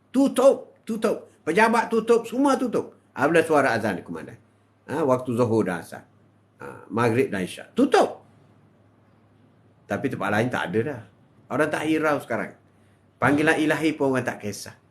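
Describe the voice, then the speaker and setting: An older man with a Malaysian Malay accent giving a live religious talk, swinging between loud, high exhortation and low murmurs. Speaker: religious speaker.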